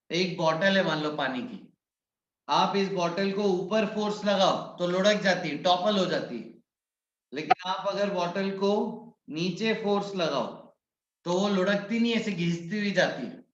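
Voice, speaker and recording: A man with a high, slightly bright voice teaches a physics class online, coaxing his students, calling on them by name, and mixing English physics terms into his explanations. The recording sounds muffled and echoey.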